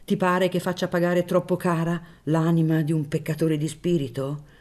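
Woman reading reckless ruined baron, exclaiming, mocking, mellow tone. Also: sits low, little pitch movement, normal speed, pitched above the performer's own voice, close to an everyday voice. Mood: defiant. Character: reckless ruined male baron gambler, bitter.

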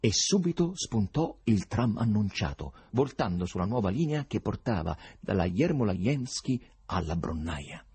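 Brief: male novel reader, husky, lower voice, very lively intonation. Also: moderate pace, hardly any pauses. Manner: expressive reading. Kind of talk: audiobook narration.

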